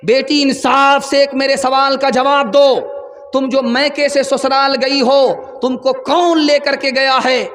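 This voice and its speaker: A man's voice: extremely high pitch, little pitch movement. Man voicing a stern lecturing mother. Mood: earnest, insistent. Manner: rising to impassioned shouts. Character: stern mother lecturing her married daughter. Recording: echoey hall.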